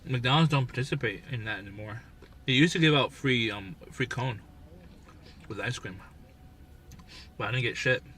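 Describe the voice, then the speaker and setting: Bright-voiced man eating on stream. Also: mid-range voice, normal speed, long pauses. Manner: talks with his mouth full, relaxed and offhand. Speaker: livestream host. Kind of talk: casual live-stream chat while eating. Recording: distant mic with faint background noise.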